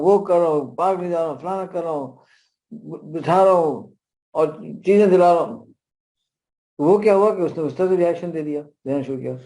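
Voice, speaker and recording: In a relaxed, storytelling style, a middle-aged Pakistani-accented man with a slightly high voice gives a parenting workshop lecture. His voice is soft and mellow, and he keeps wandering into asides as he chats and shares anecdotes.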